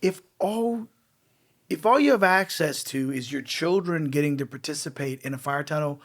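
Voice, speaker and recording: A man with a fairly high voice recaps a church family camp in loose, casual talk. He backs up, repeats words and clears his throat now and then. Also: normal speed, a bit bright. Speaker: church leader.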